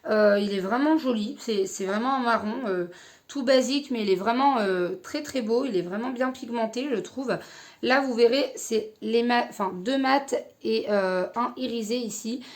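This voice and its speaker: A woman's voice: a little high, moderate pace. Hesitant young French woman reviewing makeup. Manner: hesitant, many fillers. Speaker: beauty vlogger. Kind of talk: casual product review.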